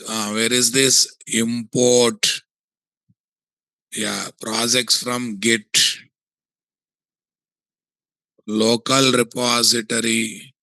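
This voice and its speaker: A man with a Telugu Indian English accent giving a software tutorial, thinking aloud and often asking questions that he answers himself. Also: medium pitch, dry recording, low-quality recording. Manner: asks and answers his own checking questions.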